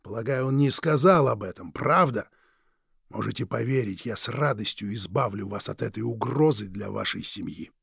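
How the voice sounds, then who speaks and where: A man's voice: fairly low pitch, expressive, creaky, a bit bright, husky, dry recording, clean studio sound, full character voice. A man voicing a sinister, mocking male villain in an audiobook, stretching his words with sneering politeness. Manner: slow, drawn-out, sneering politeness. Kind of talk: audiobook reading.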